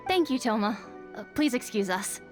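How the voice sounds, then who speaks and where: A woman's voice: fairly high pitch, expressive, moderate pace, music in the background, close to an everyday voice. A woman voicing a polite curious wife. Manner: polite, inquisitive. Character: courteous married woman, curious. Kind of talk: video game voice acting.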